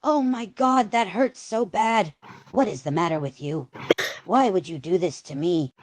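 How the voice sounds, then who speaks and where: A woman's voice: on the low side, measured pace, a little mellow, no room sound, natural voice. A woman's synthetic voice doing a whiny bullied young man. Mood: pained whining. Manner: reads its own stage actions aloud.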